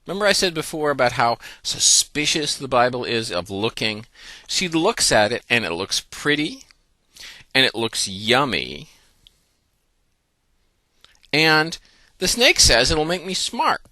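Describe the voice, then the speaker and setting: A man's voice: medium pitch, sing-song, a little slow, long pauses, pushed and bright, dry recording. A man, a university professor, lecturing in a playful, jokey way and acting out the text. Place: classroom.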